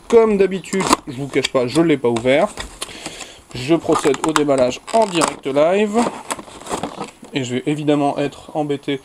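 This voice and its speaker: A man's voice: on the high side, a little mellow, a little hiss or hum. Chatty rambling man unboxing gear. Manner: rambling, self-correcting, jokey. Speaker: tech video host unboxing a headset. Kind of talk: casual unboxing chat.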